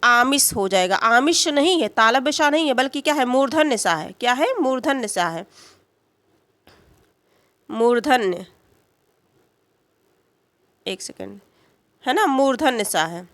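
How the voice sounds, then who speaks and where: A woman's voice: on the high side, animated, no room sound. Teacher woman asking herself questions. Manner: explains slowly, asks and answers her own questions; frequent "है ना" check-ins and "अ" fillers. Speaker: Hindi grammar teacher. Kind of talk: exam-prep grammar lesson.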